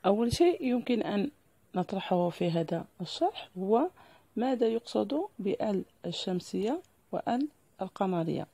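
Moroccan woman teaching, slow and deliberate. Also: medium pitch, very animated, gravelly, dark tone, husky, dry recording. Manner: slow, deliberate spelling-out of examples. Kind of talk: classroom lesson explanation.

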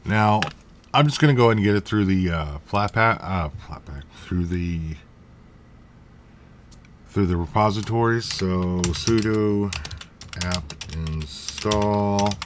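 Deep-voiced man, unhurried tutorial host, self-correcting, faint typing behind. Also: a little hiss or hum. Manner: rambling, self-correcting, jokey asides. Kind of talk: casual screen-recorded tutorial.

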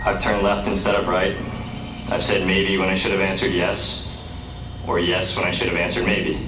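A young American man, a student speaker, delivers an earnest commencement speech from a podium on an outdoor lawn, building to emphatic declaiming. His voice is low and monotone at normal speed. A distant camera picks up the podium mic, giving roomy, dull outdoor PA sound with a noisy background.

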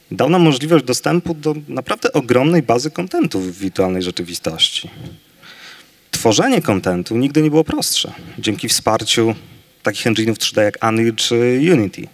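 A man's voice: medium pitch, big pitch swings. A man on a large conference stage with a handheld mic, confidently laying out his side of a staged debate. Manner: confident, listing facts briskly. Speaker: conference debater on virtual reality.

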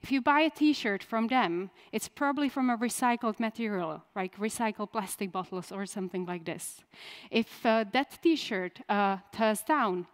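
Woman giving a direct conference keynote. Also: fairly high pitch. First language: Czech. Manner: direct, poses questions to the audience. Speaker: keynote speaker. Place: conference stage.

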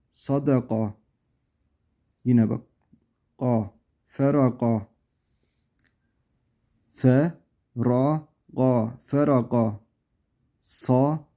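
A male teacher leads a patient drill, pronouncing each syllable on its own before joining them into a word. His voice is deep-toned and mellow, and he moves at a very unhurried pace. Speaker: Quran reading teacher. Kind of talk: slow spelling drill lesson.

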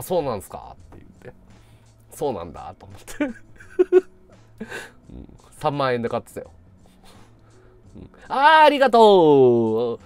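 Animated man telling a funny story. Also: medium pitch. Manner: acts out quoted people in changed voices, laughs often. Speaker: live streamer. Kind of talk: casual storytelling chat.

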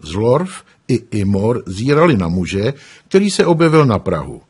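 Brief: man, audiobook narrator, husky, expressive, animated pitch. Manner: expressive storytelling.

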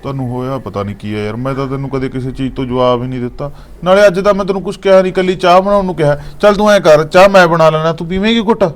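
An actor playing a patient young husband who pleads and soothes, with a Malwa Punjabi accent, in a Punjabi short drama. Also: male voice, on the high side, racing, hardly any pauses, natural voice. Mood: pleading. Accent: Punjabi, Malwa region. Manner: pleading, soothing, keeps offering tea.

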